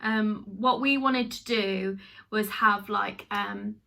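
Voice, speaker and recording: A woman's voice: medium pitch, steady tone, slow, creaky, bright, forceful tone. A young woman from the UK chatting casually to camera as a vlogger, laughing often and using many fillers.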